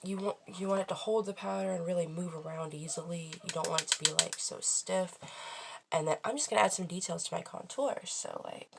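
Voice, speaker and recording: A woman's voice: fairly low pitch, brisk, gravelly, background noise. A woman talking casually through a makeup tutorial in a rambling, self-deprecating, sweary way. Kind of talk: casual chatty tutorial talk while applying makeup.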